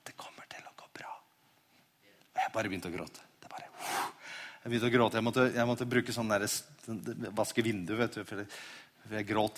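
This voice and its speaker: A middle-aged man preaching a sermon in a conversational way, sometimes dropping to hushed near-whispers. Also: lowish voice. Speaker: pastor. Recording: long hall reverb.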